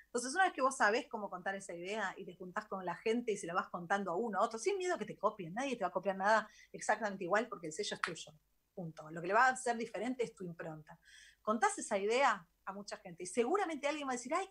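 A middle-aged woman with a Rioplatense Spanish accent, a guest telling her story in a chatty, animated radio interview. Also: mid-range voice, fast talker, husky. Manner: animated, chatty, laughs easily. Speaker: guest, travel author. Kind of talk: casual interview talk.

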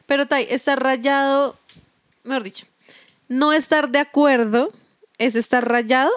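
A woman's voice: high voice, fairly even intonation, unhurried, dry recording. A young woman who asks the questions in a casual church-group chat. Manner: asks questions, brief agreeing replies. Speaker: interviewer.

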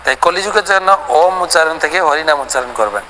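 Bright-voiced monk lecturing in a hall. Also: male voice, a little high. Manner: animated, acts out imagined dialogue, chants mantras slowly. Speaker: monk lecturer answering listener questions. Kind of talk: devotional scripture lecture. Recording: long hall reverb with faint background noise.

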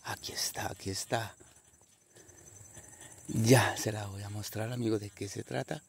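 A man's voice: on the low side, steady tone, a little slow, gravelly, slight background noise. Chatty man vlogging outdoors. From Colombia. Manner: chatty, repeatedly addresses viewers as friends. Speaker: metal detecting vlogger. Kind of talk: casual outdoor vlog narration. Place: outdoors in nature.

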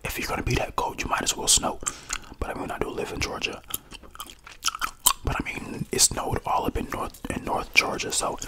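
A young American man giving a casual, slangy, rambling ASMR whisper close to the mic while chewing gum. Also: very high voice. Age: young adult. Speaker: ASMR creator and podcaster. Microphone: close desktop condenser mic with foam cover.

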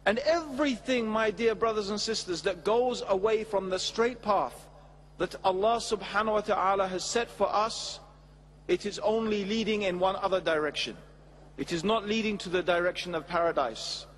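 A middle-aged man giving a measured, emphatic religious lecture at a stand mic on a large studio stage before an audience. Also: high-pitched, long reverb tail, a little hiss or hum. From England. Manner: measured, emphatic, with expressive hand gestures. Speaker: Islamic preacher. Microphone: stand mic at a lectern.

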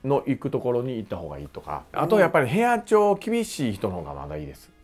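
A man's voice: medium pitch, fast, soft background music. A man in his fifties with a Kansai accent, a guest telling stories in casual chat and acting out the people he quotes. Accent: Kansai Japanese. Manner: animated, acts out quoted voices. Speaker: guest, former baseball player.

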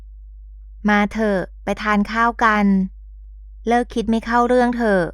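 Brief: rugged protective husband, firm and caring, smooth tone, read by a woman. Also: on the high side, flat delivery, measured pace, fairly bright tone, no echo, clean studio sound. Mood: tender.

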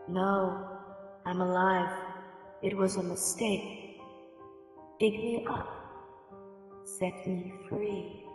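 A man voicing an undead woman buried in a coffin, her slow, hushed pleas muffled as if heard through the coffin lid underground. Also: high voice, level tone, pitched above the performer's own voice, full character voice. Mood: pleading. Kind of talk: spooky story narration. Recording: muffled, echoey, long reverb, music behind.

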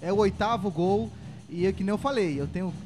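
A man's voice: high-pitched, brisk, music in the background. A Brazilian man giving conversational analysis as a football co-commentator during a live match.

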